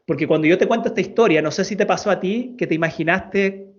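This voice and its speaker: A man's voice: high voice, fast talker. A man in his thirties, a storytelling coach, telling a personal story as a guest in an interview, earnest and fond of repeating words for emphasis. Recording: dull lo-fi sound.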